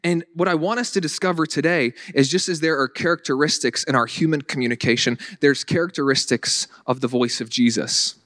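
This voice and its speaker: Southern-accented male pastor, slightly high voice, chatty sermon with restarts and dry humor. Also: a little fast, few pauses, a bit bright. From Virginia. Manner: conversational, repeats words and restarts, dry humor.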